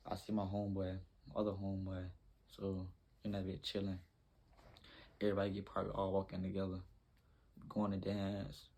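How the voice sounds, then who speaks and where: Young man, husky, flat low voice, slangy laid-back storytelling. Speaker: vlogger telling a story. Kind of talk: casual storytime.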